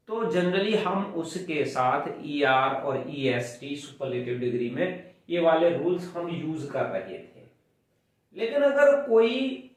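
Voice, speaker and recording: A male grammar teacher explains rules at a slow, deliberate pace, stretching words out and counting syllables one by one. His voice sits a little high for a man. The sound is very roomy and distant, as if the mic were across a large bare room. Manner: explains step by step, counts syllables aloud, drawls words while writing. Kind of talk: classroom grammar lesson. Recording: very echoey room, voice far from the mic.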